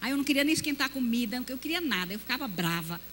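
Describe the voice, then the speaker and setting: A middle-aged woman, a pastor's wife giving a lively storytelling testimony that acts out the voices she quotes. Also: high voice, racing, slight background noise. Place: church hall. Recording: reverberant church hall.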